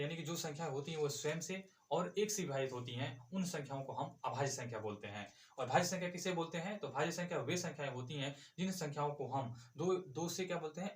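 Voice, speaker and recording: A man's voice: fairly high pitch, reverberant. A male math teacher explaining a lesson step by step, asking and answering his own questions as he goes.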